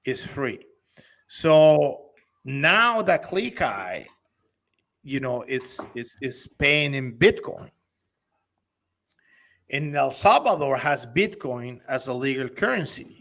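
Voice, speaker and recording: A man's voice: medium pitch, big pitch swings, takes it slowly, creaky, pauses often, fairly bright tone. A man from Honduras, an investor and company executive, talking eagerly and persuasively in a casual interview, often restarting his sentences.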